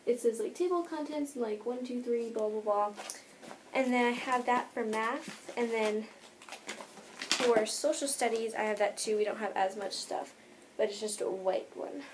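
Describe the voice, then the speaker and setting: There's background noise as a teenage American girl talks a little slowly in a fairly high voice. She's in her bedroom vlogging, rambling to the camera with plenty of "like" while going through her bag.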